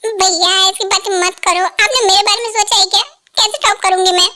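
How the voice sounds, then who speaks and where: A woman voicing an anxious teenage daughter in a fan dub, very high voice. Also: fairly even intonation, fairly quick, noisy background. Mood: plaintive. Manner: plaintive.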